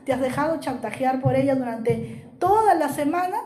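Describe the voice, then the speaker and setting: A woman's voice: sits high, lively intonation, moderate pace, mellow. A woman voicing a loving, wise old grandmother who speaks tenderly and coaxingly, in a spoken story. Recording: roomy echo.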